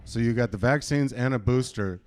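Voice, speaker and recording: A man's voice: medium pitch, fairly quick. A man hosting an open-mic comedy show, teasing guests with crude crowd work. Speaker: host. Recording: loud noisy live room recording.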